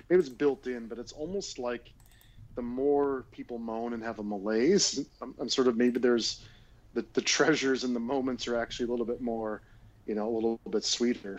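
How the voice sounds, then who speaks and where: A man's voice: mid-range voice, a little mellow. A man with a middling voice co-hosts a casual podcast. He talks in a loose, laid-back, rambling way and swears casually. His audio sounds dull and lo-fi. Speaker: podcast co-host. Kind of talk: casual chat.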